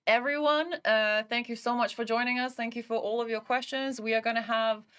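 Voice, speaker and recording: A woman's voice: fairly high pitch, fairly even intonation, fairly quick, a bit bright, smooth. A woman hosting a live interview stream, upbeat and laughing often. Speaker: stream host.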